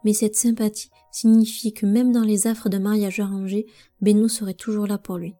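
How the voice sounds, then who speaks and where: Mellow-voiced woman reading a story. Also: mid-range voice, flat delivery, normal speed, soft background music. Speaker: audiobook narrator. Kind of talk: scripted narration.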